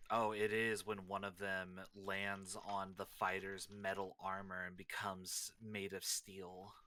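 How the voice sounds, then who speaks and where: A man's voice: deep voice, level tone, slow pace, pushed and bright, slight background noise. A man playing in a tabletop game who asks hesitant questions full of fillers. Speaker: player.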